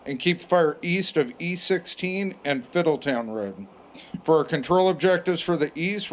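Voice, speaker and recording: An American man leading a formal operational briefing as section chief, reading procedures and lists in measured phrases. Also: on the high side.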